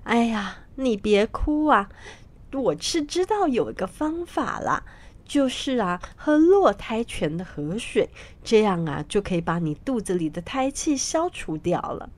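A woman voicing a kindly, wrinkled old woman in a storybook tale, speaking low and hushed. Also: sing-song, unhurried. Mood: soothing.

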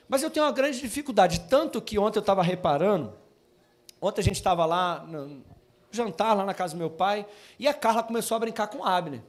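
A young man preaching a Christmas sermon in a church, moving from chatty personal stories to loud, emphatic preaching to the congregation. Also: very high voice. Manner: addresses congregation as brothers. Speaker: pastor.

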